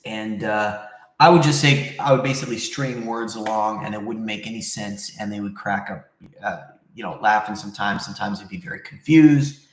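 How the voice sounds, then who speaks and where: His voice is fairly low and his pace moderate as he hosts a relaxed livestream, wandering through answers to viewer questions. Heavy echo fills the room.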